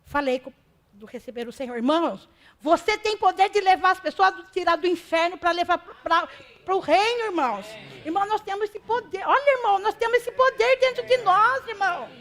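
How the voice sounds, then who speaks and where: A woman's voice: extremely high pitch, a little fast, fairly bright tone. A Brazilian woman giving an emotional, self-deprecating testimony to a church congregation. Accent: Brazilian Portuguese.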